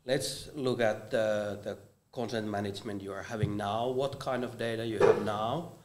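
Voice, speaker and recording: Man, low voice, roomy. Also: fairly even intonation, normal speed. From Finland. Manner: hesitant, many fillers. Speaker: guest panelist. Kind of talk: casual panel chat. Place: live conference venue. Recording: roomy live event recording.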